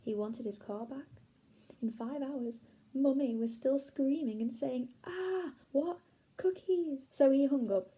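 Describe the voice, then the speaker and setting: A young woman reading silly stories aloud in a mock-boastful, deadpan comic style, with playful voices for the characters. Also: high-pitched, a little slow, breathy edge, rough recording. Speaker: comedic self-styled author reading her own stories.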